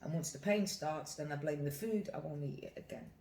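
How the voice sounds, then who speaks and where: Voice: mid-range voice, fairly quick, a little mellow. A British vlogger talking casually and giving opinions to camera, rambling and repeating phrases for emphasis. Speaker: mukbang vlogger. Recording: echoey room.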